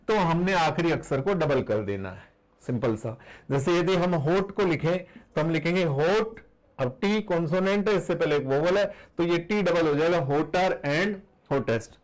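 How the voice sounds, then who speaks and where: Male grammar teacher, fairly high voice, patient and repetitive, quizzes students rhetorically. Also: rough recording. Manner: patient, repeats rules and asks rhetorical questions. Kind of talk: classroom grammar lesson.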